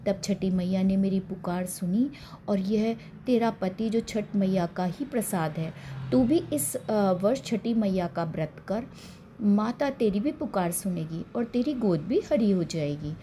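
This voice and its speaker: A woman's voice: mid-range voice, animated, unhurried, dark tone, a little hiss or hum, close to an everyday voice. A woman voicing a devout old mother-in-law who pleads through tears in a spoken story. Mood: gentle. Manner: pleading, tearful.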